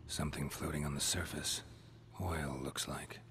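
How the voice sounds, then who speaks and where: Very deep, deadpan monster hunter. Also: male voice, moderate pace, slight background noise. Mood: terse, deadpan. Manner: terse, deadpan. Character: stoic, sardonic middle-aged male monster hunter.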